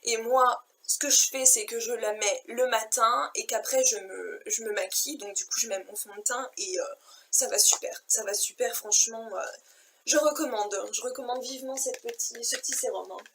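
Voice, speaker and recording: A woman's voice: fairly high pitch, moderate pace, fairly bright tone, slight background noise. A woman chatting casually and enthusiastically about her shopping haul, repeating words for emphasis. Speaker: fashion and beauty vlogger. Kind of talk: casual haul chat to camera.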